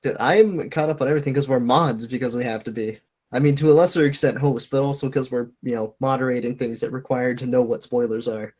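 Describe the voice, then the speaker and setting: A man's voice: medium pitch, fairly even intonation, quick pace, darkish tone. A man co-hosting a casual podcast, sarcastic and swearing freely. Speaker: podcast co-host and forum moderator.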